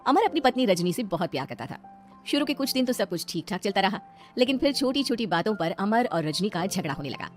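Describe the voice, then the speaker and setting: Brisk woman narrator. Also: medium pitch, sing-song, soft background music. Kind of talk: scripted narration.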